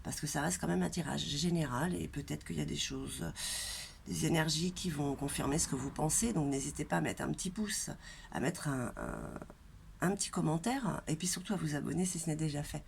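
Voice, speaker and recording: Outdoors in a light wind, a tarot reader and channel host gives her viewers a casual, chatty reading, coughing and clearing her congested throat. Her low-pitched, darkish voice is brisk, nasal, and stuffed-up from a blocked throat, with a very gravelly creak. The outdoor recording is noisy with wind.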